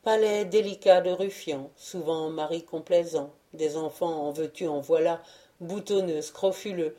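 A woman reading a literary audiobook in a measured, unhurried way. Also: sits low, mellow. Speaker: audiobook reader.

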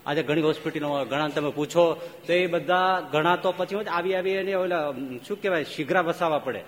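A male swami giving a sermon, telling fables lively and firing rhetorical questions at his listeners. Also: on the high side, normal speed, slight background noise. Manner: animated storytelling, rhetorical questions to the audience. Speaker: swami giving a religious discourse. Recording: reverberant hall, faint ambience.

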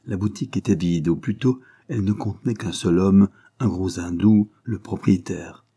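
A man reading a novel aloud as an audiobook narrator, in a measured, even storytelling manner. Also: low voice, husky. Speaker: audiobook reader.

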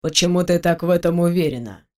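A reader voicing a cunning, powerful male mage lord who speaks calmly and tersely in an audiobook. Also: mid-range voice, fast, natural voice. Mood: guarded. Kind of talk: audiobook character voice.

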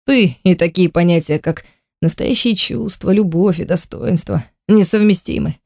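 A reader voicing a furious young man in an audiobook, speaking in cold, deliberate, cutting phrases. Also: medium pitch, gravelly, a little mellow, dry recording, clean studio sound, close to an everyday voice. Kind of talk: audiobook character voice.

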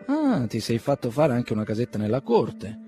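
A man's voice: mid-range voice, huge pitch swings, moderate pace, warm tone, soft background music. A man voicing a blunt, impatient young man who brushes off his father's apologies. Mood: brusque. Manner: curt, dismissive.

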